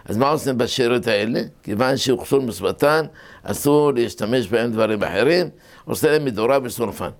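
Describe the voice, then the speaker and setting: A rabbi giving a Torah lesson. He explains things step by step, asks questions and answers them himself, tells anecdotes, and jumps up in pitch when he stresses a point. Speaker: rabbi teaching a class.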